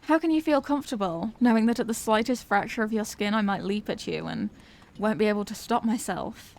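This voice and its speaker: Voicing a tender, anguished Victorian vampire lady, a woman delivers an intimate dramatic monologue for a scripted audio roleplay in formal, earnest phrases. Her natural, medium-pitched voice is animated, a little fast and a little mellow, and she comes across as distressed and pleading.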